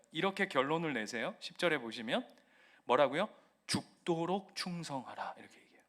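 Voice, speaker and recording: Male pastor, high and bright voice, chatty sermon delivery with questions thrown to the pews. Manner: conversational preaching, asks the congregation questions, acts out mocking voices.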